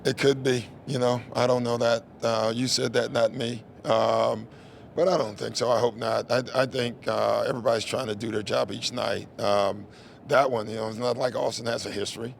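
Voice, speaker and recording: A man's voice: medium pitch, little pitch movement, moderate pace, gravelly, a little hiss or hum. A man who coaches a team, answering reporters at a postgame press conference in a candid, conversational way, often saying "you know" and "listen". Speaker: head coach.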